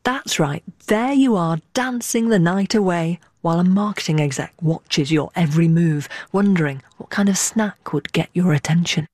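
A woman radio presenter with a low voice, delivering crisp scripted links and questions. She is recorded dry and close in the studio. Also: normal speed, hardly any pauses, a little mellow, dry recording. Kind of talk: broadcast presenting.

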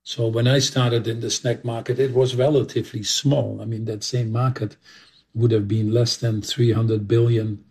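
A man, a former company executive, answering interview questions in a measured way with "uh" pauses. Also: medium pitch, level tone, a little mellow, slightly rough.

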